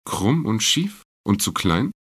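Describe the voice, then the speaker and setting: A man voicing a wise, kind fox in a storybook reading, calm and gently explaining. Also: fairly low pitch, takes it slowly, breathy edge, no room sound, studio quality, full character voice. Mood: gentle.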